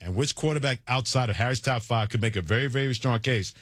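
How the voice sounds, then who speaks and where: A man co-hosting a sports talk radio show, with a smooth radio host delivery into a studio microphone. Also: mid-range voice, fast talker, a bit bright, no echo.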